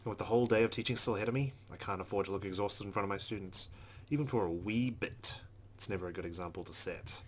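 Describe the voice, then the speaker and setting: Reading visual novel text aloud with his own asides, this let's play host speaks at a quick pace in a lowish voice. Loud noise fills the background.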